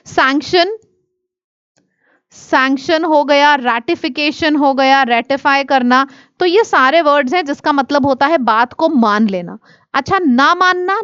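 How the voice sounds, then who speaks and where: A woman teaching exam vocabulary, listing synonyms and antonyms in quick drilling runs. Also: high voice, a bit bright, no echo, dull audio. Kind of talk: exam-prep vocabulary lesson.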